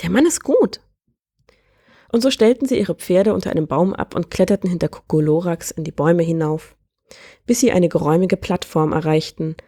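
A woman reading a fairy tale aloud in a calm, measured way as the storyteller. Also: fairly low pitch, no echo, clean studio sound. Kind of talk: scripted fairy-tale narration.

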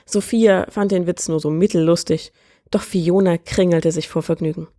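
A woman reading a fairy tale aloud in a calm, measured way as the storyteller. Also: fairly low pitch, no echo, clean studio sound. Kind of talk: scripted fairy-tale narration.

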